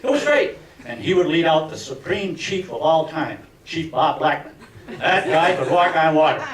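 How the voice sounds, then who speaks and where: A man in his seventies doing a stand-up routine for fellow alumni, telling tongue-in-cheek stories with deadpan punchlines. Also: on the high side, normal speed, distant mic. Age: 70s. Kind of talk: stand-up comedy. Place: reunion event hall with audience. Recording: echoey room miked from afar, crowd laughter.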